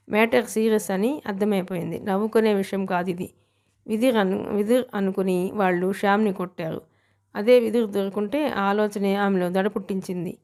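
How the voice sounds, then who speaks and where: Woman audiobook narrator; even, steady storybook reading. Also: medium pitch.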